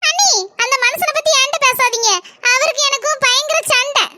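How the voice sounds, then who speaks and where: A woman's voice: very high voice, normal speed, heavy background noise. A woman with a southern Tamil accent voicing a jealous young wife who complains sharply about her husband, in a cartoon. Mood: complaining.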